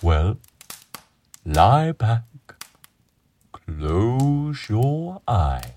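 A man voicing a gentle, friendly male dragon who guides children through a calm imagination exercise in a slow, soothing way. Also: on the low side, full character voice. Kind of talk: children's relaxation storytelling.

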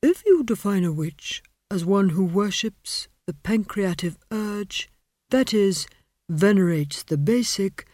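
A woman's voice: mid-range voice, animated, slow pace, darkish tone, no room sound, studio quality. A woman voicing a sardonic, lecherous old male wizard who has been turned into a tree, with a sarcastic drawl. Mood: lecturing.

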